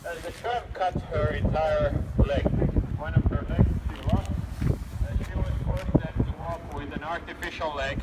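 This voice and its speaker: A man working as a ghost tour guide, telling stories live to a group in a halting, conversational way. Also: fairly high pitch, steady tone. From Finland. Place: outdoors on city streets. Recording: windy, noisy outdoor recording from a distance.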